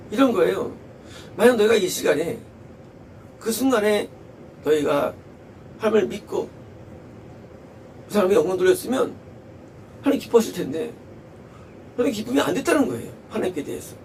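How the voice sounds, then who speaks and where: A man preaches with a high, animated voice that swings widely and has a gravelly edge. He presses his points hard, repeats phrases and asks rhetorical questions. He sounds set back from the mic, with faint noise behind him. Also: far from the mic, rough recording. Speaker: pastor. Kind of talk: sermon.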